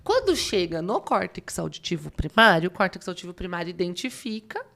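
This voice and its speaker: A Brazilian woman with a São Paulo state accent, a guest audiologist explaining how hearing works as if giving a lesson, lively and full of restarts. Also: on the low side, brisk, vocal fry.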